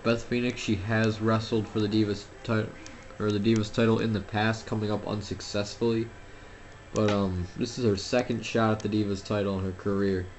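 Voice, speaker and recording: A young man casually commentates a wrestling video game solo at home, rambling and self-deprecating, full of fillers and restarts. His voice is fairly low with little pitch movement, a moderate pace, and a darkish tone.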